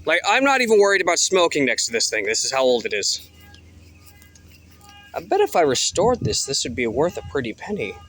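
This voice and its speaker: A man swears and rambles a little fast as he vlogs casually on his phone along a rural delivery route outdoors, his pitch swinging lively. Faint music plays behind him.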